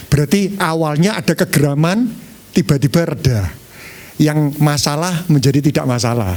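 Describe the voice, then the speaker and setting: A male pastor delivering an animated sermon in a noticeably high voice. He acts out different tones of voice for his listeners. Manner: animated, demonstrating tones of voice to the congregation.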